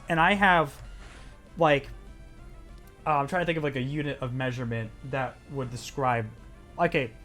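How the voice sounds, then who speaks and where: A man's voice: fairly high pitch, a bit bright. A man streaming a game and telling a story in a loose, rambling way, full of fillers and swearing. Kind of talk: casual storytelling while playing a game.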